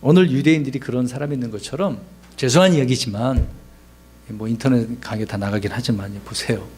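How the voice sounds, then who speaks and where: A man's voice: mid-range voice, brisk, darkish tone, breathy edge. A man, a pastor, preaching a sermon in a conversational way, asking his congregation rhetorical questions and acting out the lines he quotes.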